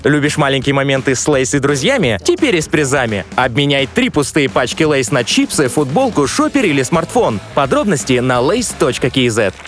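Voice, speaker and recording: A man's voice: medium pitch, very animated, a little fast, few pauses, faint music behind. A man doing a scripted advertising voice-over with a polished promotional delivery. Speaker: commercial voice-over announcer.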